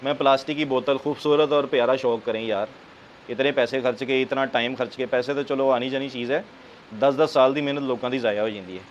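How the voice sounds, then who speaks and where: A man's voice: mid-range voice, fairly even intonation, a little fast, muffled recording. A man gives casual, chatty advice on keeping pigeons and keeps saying "theek hai". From Pakistan. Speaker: pigeon keeper giving advice. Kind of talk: casual how-to talk. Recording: faint bird noise in background.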